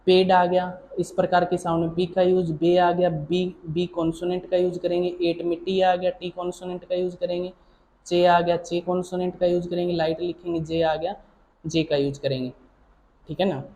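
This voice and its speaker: A man's voice: high-pitched, monotone, moderate pace, dark tone, slight background noise, poor audio. A man teaching a shorthand lesson. He explains patiently, repeats himself, keeps checking that students follow, and calls them child or dear. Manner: patient, repetitive, checks in with "theek hai na".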